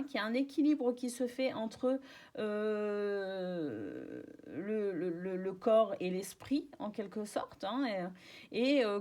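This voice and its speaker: A woman with a fairly high voice lays out tarot cards and talks her viewers through them in a casual way. She stops and restarts often and fills pauses with small hesitations. Her tone stays soft and reassuring. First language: French. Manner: chatty, hesitant, many fillers and restarts. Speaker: tarot card reader.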